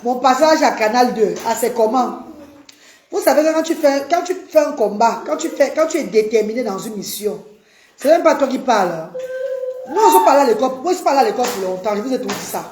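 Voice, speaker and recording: Lady on a live stream, kinda high voice, roomy echo, greets everyone nonstop and begs for shares. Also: expressive, fast talker, a little mellow, a little hiss or hum. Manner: effusive, repeatedly greets viewers and pleads for shares. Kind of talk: live stream chat to viewers.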